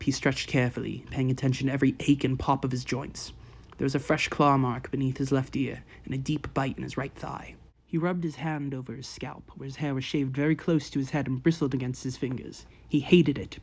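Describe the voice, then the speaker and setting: A man narrates an audiobook at an even, measured pace, reading each sentence with care. His voice sits at a middle pitch for a man. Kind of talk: scripted narration.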